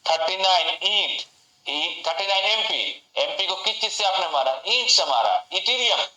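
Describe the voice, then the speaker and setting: A man's voice: sits high, expressive, unhurried, pushed and bright. Man teaching mnemonics in an echoey room. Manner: repetitive, call-and-response mnemonics. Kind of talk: online class lesson. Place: home room.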